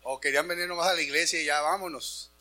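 A male preacher delivers an animated Easter sermon to his congregation. His voice sits high and sounds bright and forceful, and he often raises it to make a point. A faint mains hum runs under the church recording. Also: fast. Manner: animated, addresses congregation as brothers, shouts for emphasis. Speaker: pastor.

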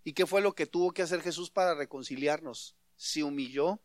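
Male preacher, high voice, dry close sound, animated storytelling sermon. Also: a little fast, dry recording. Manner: animated, acts out dialogue in his stories. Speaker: pastor.

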